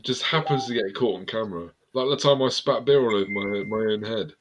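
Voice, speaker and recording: A man's voice: on the low side, a little fast. A man hosting a casual live stream from home, joking around and laughing often. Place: home room near a staircase.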